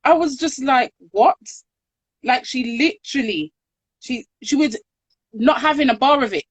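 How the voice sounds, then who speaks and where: Chatty, high-voiced woman host. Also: normal speed, no echo. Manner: chatty, animated storyteller. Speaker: podcast host. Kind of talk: casual interview chat.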